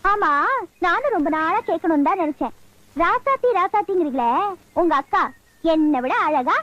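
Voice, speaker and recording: A woman's voice: very high voice, expressive, moderate pace, fairly bright tone, no room sound, lo-fi sound. An actress playing a chatty, nosy village woman who teases a girl and fusses over her family's customs, in a film comedy scene. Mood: teasing. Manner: chatty, mocking banter. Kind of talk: Tamil film comedy acting. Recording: film scene with score behind.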